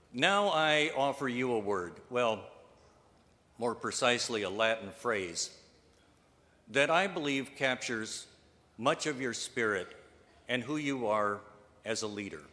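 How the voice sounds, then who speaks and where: A man giving a formal tribute speech, measured and earnest, with deliberate pauses. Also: mid-range voice, sharp tone. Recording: reverberant hall.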